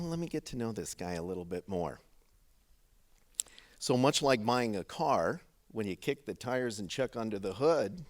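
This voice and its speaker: A middle-aged man giving a heartfelt father of the bride speech to wedding guests, in deliberate, paused phrases. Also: mid-range voice.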